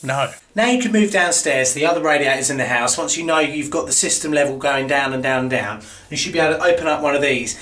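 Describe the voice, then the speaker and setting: A cheeky, chatty British plumber in his thirties, talking straight to a close camera inside a house. His voice sits a little on the high side and he keeps things light with jokey asides. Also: fast talker, few pauses, a bit bright. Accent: British English. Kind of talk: hands-on plumbing tutorial. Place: inside a house, airing cupboard and rooms. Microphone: wide-angle camera held close or set on floor.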